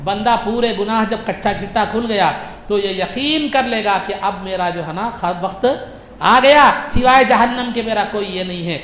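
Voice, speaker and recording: A man delivers a sermon, bright and ringing in tone. He repeats key lines and builds them into shouts. The room echoes around him, with faint noise behind. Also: high-pitched. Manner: impassioned, repeats phrases and rises into shouts. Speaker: preacher.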